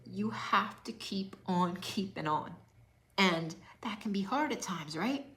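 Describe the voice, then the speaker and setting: A woman's voice: medium pitch, lively intonation, slow, fairly bright tone. A woman fitness coach giving an emotional motivational talk on a livestream, repeating key lines and dropping to whispers for emphasis.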